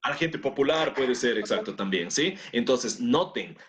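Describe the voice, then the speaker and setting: A man teaching an online English class, his voice rising and falling in a lively way. He explains words in with English examples and keeps asking whether the students follow. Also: mid-range voice, moderate pace, over a noisy crowd. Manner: explains in Spanish and English, checks in with "¿no es cierto?".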